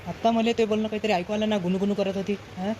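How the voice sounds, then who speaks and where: A woman's voice: mid-range voice, fairly even intonation, quick pace, warm tone, highs cut off, slight background noise, close to an everyday voice. A woman with a Varhadi Marathi accent playing a grumpy, short-tempered husband who scolds and threatens in a village comedy skit. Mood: accusing. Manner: scolding, nagging, blustering threats.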